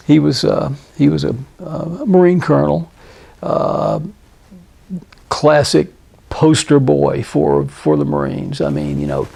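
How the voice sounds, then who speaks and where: Gravelly older American veteran remembering. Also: male voice, fairly high pitch, mellow. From Tennessee, United States. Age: 70s. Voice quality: gravelly, husky. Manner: old veteran remembering, deliberate with hesitant pauses and emphatic phrases. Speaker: Vietnam veteran being interviewed. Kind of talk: recounting memories in an interview.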